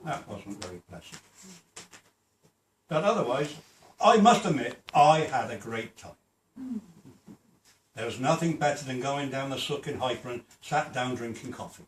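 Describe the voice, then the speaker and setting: A man's voice: mid-range voice, big pitch swings, unhurried, long pauses, a little hiss or hum. An older man, a former policeman, answering audience questions in a plain, matter-of-fact way at a public talk. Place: hall. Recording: echoey hall, voice from far off.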